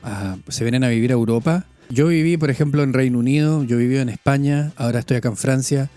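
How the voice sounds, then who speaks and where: Chilean man with a mellow voice. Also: mid-range voice, fast talker, no echo, soft background music. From northern Chile. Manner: chatty, many restarts and fillers. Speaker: podcast host. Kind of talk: casual conversation. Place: living in France.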